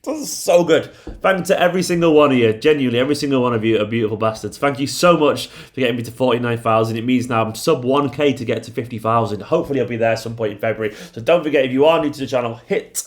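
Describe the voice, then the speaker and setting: A man's voice: medium pitch, quick pace. A tired, hungover man chatting casually as the host of a football fan channel.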